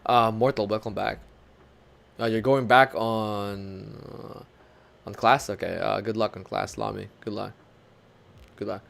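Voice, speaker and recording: A man's voice: fairly low pitch, measured pace, gravelly, pauses often. A young Filipino man with a Filipino English accent chatting casually on stream, swearing and laughing as he tells stories and answers chat. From Philippines. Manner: animated, swearing, laughing storyteller. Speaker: VTuber streamer.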